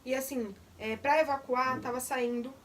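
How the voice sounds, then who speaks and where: A woman's voice: high-pitched, steady tone, normal speed, distant mic, a little hiss or hum. A young woman, candidly recounting a personal testimony in detail. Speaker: vlogger. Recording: voice a bit off the mic.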